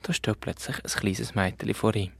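A man with a Swiss German accent telling a children's story in a gentle, unhurried way. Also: fairly low pitch, fairly even intonation, gravelly, breathy edge, no room sound.

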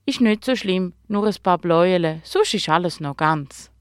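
Storybook role: a gentle, clumsy guardian star with a lilt and lively swings in pitch, read by a woman. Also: normal speed, smooth, no echo, clean studio sound, lightly acted. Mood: thoughtful. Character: fallen little guardian star, male, kindly and clumsy.

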